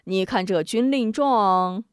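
A woman storyteller voicing a shrewd, lively male emperor who speaks in a commanding yet amused way. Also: medium pitch, slow, clear, resonant tone, dry recording, clean studio sound, natural voice. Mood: regal, amused.

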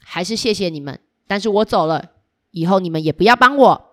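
A woman's voice: mid-range voice, animated, brisk, lightly acted. A woman voicing a proud, aloof loner stag beetle in a picture book, huffy and standoffish. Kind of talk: picture-book read-aloud.

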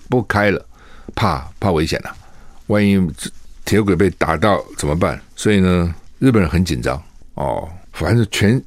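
Older man, Taiwanese Mandarin accent, radio host; deep voice, dry studio sound, chatty commentary with rhetorical questions. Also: darkish tone, no echo. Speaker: radio talk show host. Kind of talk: casual political commentary.

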